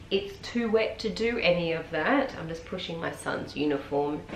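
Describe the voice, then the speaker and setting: An Australian woman chatting casually with viewers while folding laundry at home, rambling with lots of ums and sounding a little hoarse and tired. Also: fairly low pitch, fairly bright tone. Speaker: vlogger. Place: room at home. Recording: echoey room with faint ambient noise.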